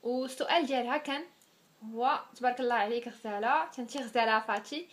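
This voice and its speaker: A woman's voice: a little high, fast. A woman in her twenties with a Moroccan accent, chatting casually as a vlogger answering viewers' questions and slipping French words into her speech. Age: 20s. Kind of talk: casual Q&A vlog.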